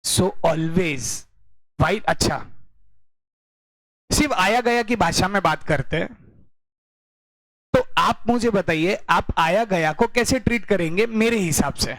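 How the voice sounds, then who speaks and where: A man's voice: sits high, slow pace, long pauses, fairly bright tone, dry recording, rough recording. A man teaching a commerce class, joking with students and switching into English to explain. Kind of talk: classroom lecture.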